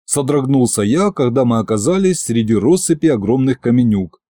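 A male narrator reads a first-person audiobook with an expressive, wry delivery. His pitch moves a great deal. The sound is mellow and dry. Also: normal speed, dry recording.

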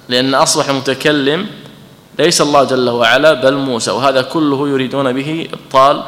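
A man gives a religious lesson, taking the text apart point by point and checking in with his listeners now and then. His voice is bright and forceful, and it rings with the long echo of a hall. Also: mid-range voice. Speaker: sheikh teaching a text. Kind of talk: lecture commenting on a read text. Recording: echoey hall.

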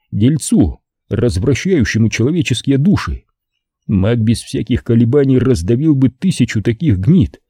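A man reads a crime thriller aloud with dramatic expression. His voice is deeply dark and husky, rising and falling a lot as he tells the story. The sound is dry and close, with no room around it. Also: no room sound. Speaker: audiobook narrator. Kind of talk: scripted narration of a thriller novel.

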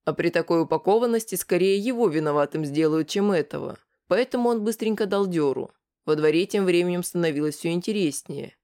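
An audiobook narrator telling a story in scripted narration with an even storytelling delivery. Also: mid-range voice, brisk.

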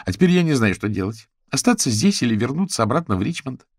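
A man's voice: mid-range voice, big pitch swings, a little fast, no room sound, clean studio sound, pitched above the performer's own voice. A man voicing a flamboyant, chatty rich socialite woman in an audiobook, in a gushing, theatrical way. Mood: upset.

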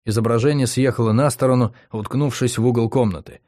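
Guy reading an audiobook, steady and measured, dark voice, dry recording. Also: medium pitch, dry recording. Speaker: audiobook narrator. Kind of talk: scripted narration.

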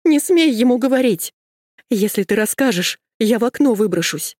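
A woman reader voicing a distraught young woman who pleads through tears in a high, desperate voice. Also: expressive, moderate pace, darkish tone, no echo, studio quality. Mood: frantic.

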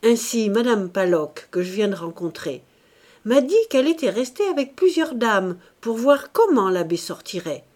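Woman doing a fussy middle-aged husband, heated, accusing, lively pitch, storybook reading. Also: normal speed. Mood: suspicious, prying. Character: irritable suspicious middle-aged husband, bourgeois man.

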